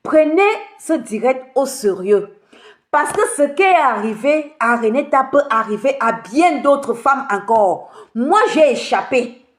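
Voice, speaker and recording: Slow, echoey woman ranting on a live stream. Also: sits high, animated. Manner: emphatic, repeats accusations in lists. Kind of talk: impassioned live-stream address.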